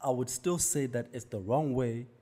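A man's voice: medium pitch, normal speed, dark tone. A man with a South African accent, blunt and joking as a podcast co-host in casual panel talk.

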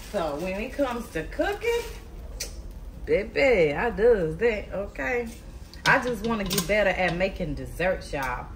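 With slight background noise, a cooking channel host in her thirties speaks in a slightly high, fairly bright voice from her home kitchen. Her casual vlog is chatty and direct to viewers, whom she addresses as y'all and baby.

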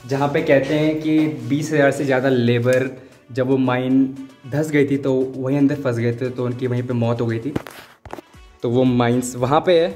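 A young man on a bike chats casually to his viewers while riding outdoors on mountain roads, giving tips and slipping in English words. His voice is medium-pitched and a little mellow, recorded by a phone or action camera at arm's length.

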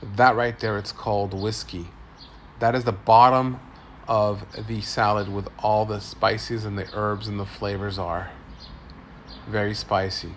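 A man in his forties with a low, gravelly voice gives upbeat walk-and-talk commentary on street food. He films on a phone at arm's length outside among city food stalls. A faint hiss of street noise sits under his talk. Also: level tone, measured pace, a bit bright. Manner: upbeat, tour-guide commentary. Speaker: food vlogger.

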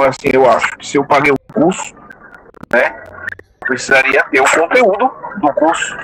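A man talking from his car over a Bluetooth headset mic on speakerphone. He is asking a question in an online class, hesitant, with many restarts and repeated words. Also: on the high side. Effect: heard through a Bluetooth headset mic on speakerphone. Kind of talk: casual spoken question. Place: in a car while driving. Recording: noisy car line through a Bluetooth headset.

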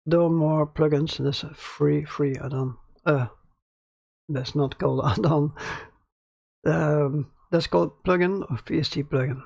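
This casual screen-recorded tutorial comes from a man in a small home studio, recorded dry on a close studio mic about ten centimeters away, with highs cut off. His crackly, gravelly voice sits on the high side, slightly mellow, with fairly even intonation and a measured pace, though he hesitates with fillers and restarts.

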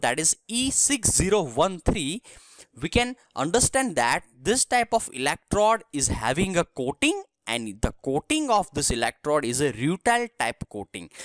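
A man's voice: on the high side, no room sound. A man from India giving a recorded engineering lesson, explaining step by step and checking in with "right?". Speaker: engineering lecturer. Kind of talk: recorded technical lecture.

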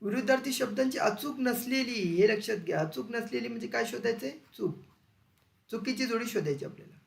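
A male teacher with a high, gravelly voice gives an exam-prep grammar lesson. He poses questions and repeats the answers slowly. The recording has a roomy echo. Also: animated. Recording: echoey room.

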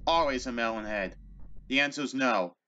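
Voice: mid-range voice, normal speed, pushed and bright, a little hiss or hum, close to an everyday voice. A performer voicing a loyal, stubborn melon-fan hero in an online fan story, giving blunt, defiant answers. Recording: dull lo-fi audio. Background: music.

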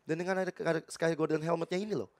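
A man's voice: on the high side, level tone, fast. A man with an Indonesian accent doing live esports commentary and analysis, in flowing explanations peppered with English gaming terms. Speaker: esports co-caster.

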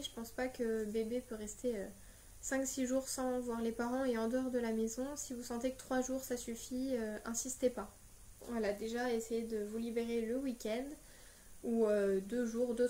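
A young woman from France giving casual parenting advice in a vlog, pausing often with fillers as she talks. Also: a little high, mellow. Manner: hesitant, many filler pauses. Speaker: parenting vlogger.

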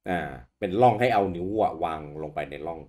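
A man co-hosting a podcast, chatting casually about old video games with a relaxed manner and easy swearing. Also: low voice, fairly quick. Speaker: podcast co-host.

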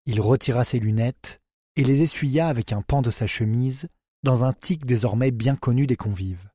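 A man narrating a thriller audiobook in an even, measured reading. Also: mid-range voice, husky, dry recording, clean studio sound. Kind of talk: scripted narration.

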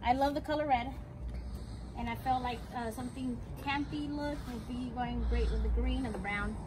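In this casual show-and-tell, a young woman explains her homemade build one step at a time, her voice a little high, her intonation fairly even, and her speed normal. She's outdoors in a driveway beside a house, recorded by the mic on a handheld camera close by, and the outdoor noise is loud.

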